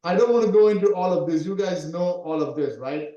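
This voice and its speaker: A man's voice: sits high, brisk, dark tone, reverberant, lo-fi sound. A man in his early forties, originally from Sri Lanka, coaching on a call and often checking in with "right?". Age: 40s. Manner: repetitive, keeps asking "right?". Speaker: SEO coach. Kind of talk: coaching talk in an interview.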